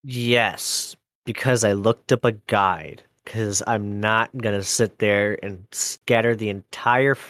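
A man's voice: fairly low pitch, fairly even intonation, slow pace, a bit bright, no echo, clean studio sound. A man in his twenties co-hosting a casual podcast chat, laid-back and swearing freely. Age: 20s. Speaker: podcast co-host.

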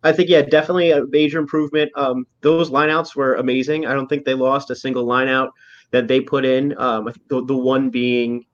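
An easygoing man, a local club coach, chats as a guest on a live stream and leans on "you know" as he talks. His voice has an ordinary middle pitch. The sound is dull and lo-fi. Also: flat delivery, brisk. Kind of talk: casual live-stream chat.

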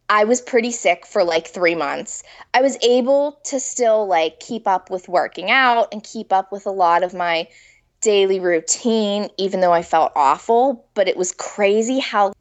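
A pregnant woman, a food blogger guest, chatting casually in an interview, giggling often and filling her speech with "like". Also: on the low side. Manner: chatty, giggly, lots of filler "like".

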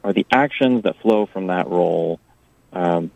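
Deep-voiced man, thoughtful phone-in guest. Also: gravelly, darkish tone, no echo, muffled recording. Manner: thoughtful, halting, with repeated hedging phrases. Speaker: radio show guest calling in by phone. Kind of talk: interview talk. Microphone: phone call.

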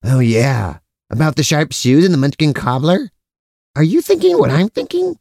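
A lively, dry-recorded comic character played by a man, chatty and vain. He is a silly, easily distracted brother from an audio comedy, cheerfully oblivious and bouncing up and down in pitch. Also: moderate pace, dry recording. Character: mustache-proud, food-loving, easily distracted silly brother. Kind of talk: comic audio drama acting.

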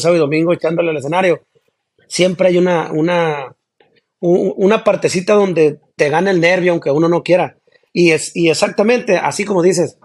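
A singer chatting as a guest in an interview, relaxed and laughing easily, with slangy talk. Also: male voice, on the high side. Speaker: singer of a regional band, guest. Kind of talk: casual interview chat.

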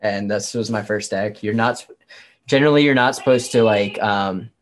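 Speaking at a moderate pace in a fairly low voice, a man guesting on a livestream chats casually. He's a performer and tarot reader whose talk is informal, wandering and full of "like."

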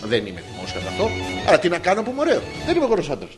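High, lively mock-vain man. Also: loud music behind the voice. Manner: mock-vain, teasing, swearing, bursts of laughter. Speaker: podcast co-host. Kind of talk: comedic banter.

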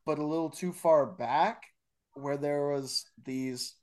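A man's voice: on the high side, takes it slowly. A man in his thirties, a podcast co-host, telling a story in loose, profane casual chat and laughing often. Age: 30s.

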